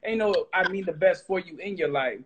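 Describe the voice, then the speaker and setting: A man's voice: sits high, a little fast, noisy background. A man, hosting a casual interview and talking loosely, often repeating words as he starts. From Texas. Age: 30s. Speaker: host.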